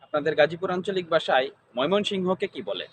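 A man's voice: on the high side, fairly quick, slight background noise. A man interviewing, asking the same kind of question over and over. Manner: repetitive, formulaic questioning.

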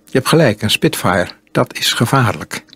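A man voicing a stern middle-aged male resistance fighter, speaking in terse, gruff commands in an audiobook. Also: medium pitch, animated, moderate pace, a bit bright, no room sound.

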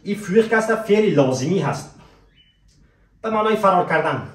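A man teaching a French lesson in a fairly high voice. He stretches out each example phrase slowly and asks students to repeat it. The sound is roomy, echoing, and set back from the mic. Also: animated, far from the mic. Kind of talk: spoken language lesson with slow example phrases.

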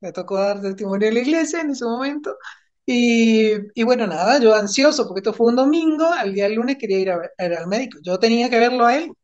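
A woman giving an emotional personal testimony, telling it in an animated way and repeating phrases for emphasis. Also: a little high, fast talker, dull audio. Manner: animated storytelling with emphatic repetition.

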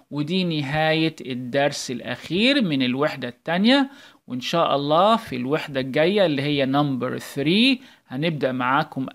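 A man's voice: a little high, a bit bright. An Egyptian-accented man teaches young children in a recorded video lesson. He keeps asking questions, then stretches his praise into long, sing-song words. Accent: Egyptian Arabic. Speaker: primary school English teacher.

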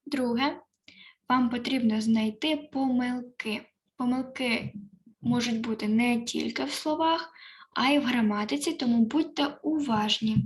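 Lady korean teacher, slow and careful, says each word twice, voice a bit high. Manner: repeats each word slowly and clearly. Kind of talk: online language lesson.

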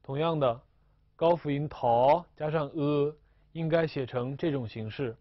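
A man teaching a recorded language lesson at an unhurried, deliberate pace, pausing often as he explains. His voice sits at an ordinary middle pitch. The recording is dry and a little dull, with no room sound. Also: no echo. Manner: slow, careful explaining with frequent hesitations.

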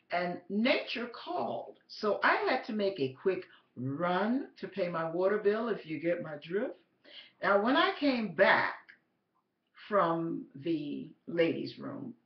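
Woman blogger with a preachy storytelling tone, slow and animated, asks many rhetorical questions. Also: mid-range voice. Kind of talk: storytelling exhortation. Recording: roomy, slightly dull.

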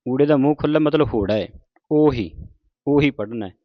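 A man who teaches pronunciation of scripture, chanting verses slowly and then explaining the spelling in plain speech. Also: mid-range voice, dry recording, dull audio. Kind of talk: slow scripture recitation with pronunciation notes.

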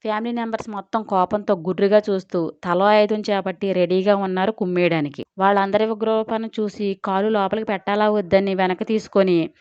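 A woman narrating an audio story in a lively storytelling manner. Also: mid-range voice, a little fast, clear, resonant tone, no room sound. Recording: dry, slightly dull audio.

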